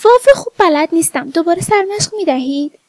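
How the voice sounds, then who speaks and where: A woman voicing a playful, mischievous young woman in a storybook reading, pitched up high and teasing. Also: dry recording, close to an everyday voice.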